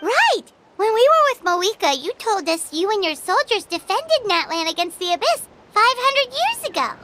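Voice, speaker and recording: A woman voicing a tiny, childlike fairy companion in a game cutscene, squeaky, eager and exclamatory. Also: sing-song, normal speed, fairly bright tone, heavily acted. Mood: eager, bright. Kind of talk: video game cutscene dialogue.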